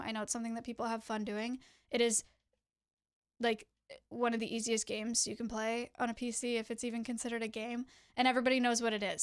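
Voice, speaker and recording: A young woman streamer hosts her channel, chatting with viewers and offering tips in a teacherly way while addressing chat directly. Her voice is fairly high and fairly bright, with a clean tone.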